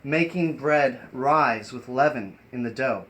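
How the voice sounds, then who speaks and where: Speaking slowly in a mid-range, fairly bright voice, this live stream host and performer rambles and hesitates as he chats and explains things on an improvised broadcast. Ambient noise fills the stream.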